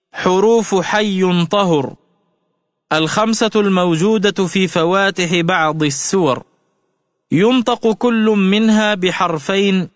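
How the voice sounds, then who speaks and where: A man with a high voice gives a tajweed lesson for radio, explaining each rule in a measured way and drawing out the example words as he chants them. His voice is close and dry, with a long reverb tail behind it. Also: a bit bright. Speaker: Quran recitation teacher.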